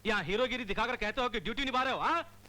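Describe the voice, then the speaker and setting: A scornful, mocking aide. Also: male voice, very high voice, fast, pushed and bright, full character voice, poor audio. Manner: mocking, scolding. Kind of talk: Hindi film dub acting.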